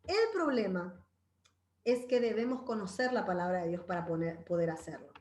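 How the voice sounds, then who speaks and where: A woman with a mid-range, darkish voice and lively intonation speaks at normal speed in a conversational Bible class about parenting. She regularly checks in with her audience with "¿verdad?" and imitates children's voices when quoting them. The recording has a roomy sound.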